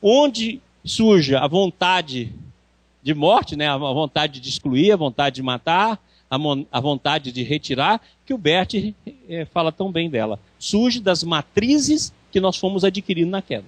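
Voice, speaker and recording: A man's voice: fairly high pitch, sing-song, a little slow, dry recording. A man with a Brazilian accent giving a spiritual course lecture, emphatic and full of rhetorical questions. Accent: Brazilian Portuguese. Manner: emphatic, rhetorical questions, acts out quoted speech.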